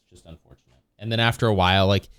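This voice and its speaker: A man's voice: on the low side, fairly even intonation, racing, a bit bright, smooth, no echo. A man streaming live, chatting casually and rambling with his viewers, chuckling often as he goes.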